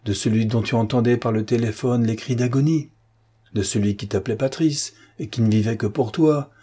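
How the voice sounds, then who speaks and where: A man reading a raised, forceful commanding gentleman. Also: medium pitch, steady tone, fairly quick, breathy edge, close to an everyday voice. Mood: vehement. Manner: insistent, emphatic, urging. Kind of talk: audiobook character reading.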